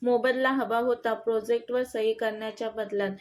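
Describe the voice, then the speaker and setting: A woman's voice: fairly high pitch, flat delivery, a little fast, lightly acted. A woman reading the part of a hurt young wife who angrily accuses her husband, in an audio story. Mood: defiant. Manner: accusing, defiant.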